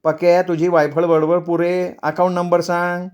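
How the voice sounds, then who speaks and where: Male storyteller playing a bossy, scolding young wife; lifted pitch, sharp and quick. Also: flat delivery, smooth, lightly acted.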